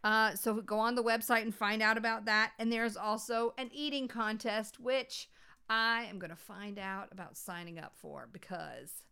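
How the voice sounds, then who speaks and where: Southern lady cohosting a podcast, smooth clear voice, chatty and excited. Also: medium pitch, normal speed. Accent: Southern American. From South Carolina Lowcountry. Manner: chatty and enthusiastic, with Southern turns of phrase. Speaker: podcast co-host. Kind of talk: casual chat.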